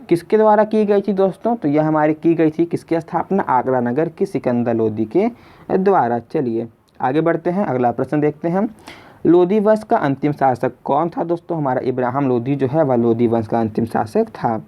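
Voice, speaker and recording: A man with a slightly high, expressive voice and moderate pace runs an exam lesson as a quiz teacher and video host. He works in question-and-answer style, calls his listeners friends, and repeats his questions. The recording is dull and lo-fi.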